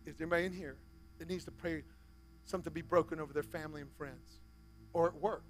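Speaking fast with a slightly high, fairly even voice, a man in his forties preaches on a church stage over slight background noise. His sermon alternates loud exhortation with soft, nearly whispered appeals.

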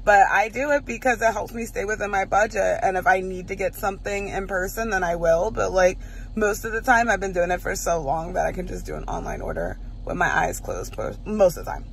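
Speaking a little fast with vocal fry in a mid-range voice, this American-accented vlogger in her thirties, a stay-at-home mom from South Jersey, encourages her viewers through a home cleaning video. She's chatty and full of "like" fillers, filming first in a parked car and then at home. The audio is rough, with a slight hiss or hum.

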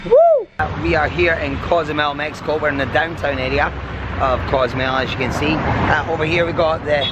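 A man's voice: on the high side, steady tone, brisk, background noise. A man talking casually to his vlog viewers in an upbeat, enthusiastic way, like a cruise director.

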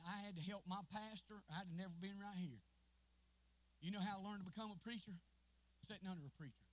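A man preaching a sermon as pastor, repeating lines and building to shouted fervor. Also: sits high. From West Virginia. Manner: rising to shouted fervor, repetitive. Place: church sanctuary.

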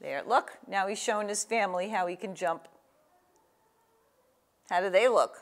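An older woman with a medium-pitched voice leads a children's story time and craft at a moderate pace, reading aloud and walking a young child through the activity. She uses simple, encouraging phrases and questions. The setting is a small indoor room with a table, and she's recorded on a lapel mic.

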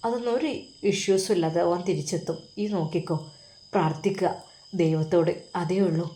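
A woman with a Malappuram Malayalam accent voicing a loving middle-aged father who gently comforts his daughter in a storybook reading. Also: fairly low pitch, fairly quick, slight background noise, natural voice. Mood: soothing. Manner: gentle, soothing, reassuring.

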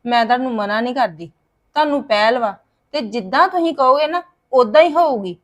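A woman's voice: fairly high pitch, animated, a little fast. A woman acting an indignant mother in a family drama. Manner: indignant, protesting. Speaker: actor in a family skit. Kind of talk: scripted Punjabi family drama.

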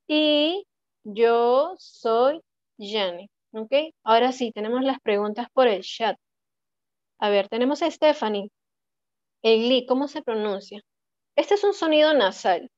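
A woman's voice: on the high side, moderate pace, darkish tone, no echo. A woman with a Peruvian Spanish accent teaching an online Italian class, patiently repeating words and checking that students follow. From Peru. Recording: dull, dry online-class audio.

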